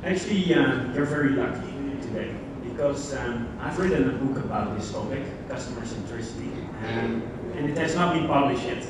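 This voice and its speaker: A Dutch man with a Dutch accent gives a conference keynote in a large hall, speaking conversationally and asking the audience questions. His mid-range voice keeps a moderate pace with few pauses. The recording is very echoey, with a distant mic and background noise.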